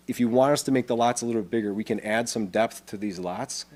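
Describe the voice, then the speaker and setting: A man's voice: mid-range voice, fast, darkish tone. A man presenting a development plan at a town board meeting, explaining plainly and casually, with frequent restarts.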